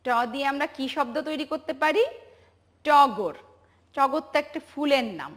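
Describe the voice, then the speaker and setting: A woman's voice: high-pitched, animated, fairly bright tone. A woman teacher with a Bangladeshi Bengali accent gives a home-learning lesson to young children, patiently drawing out each word and asking them to repeat after her. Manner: slow, patient, drawn-out recitation with call-and-response questions. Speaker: pre-primary teacher.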